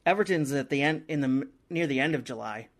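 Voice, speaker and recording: A man's voice: medium pitch, brisk. A man hosting a soccer talk show on sports radio, in a conversational broadcast style.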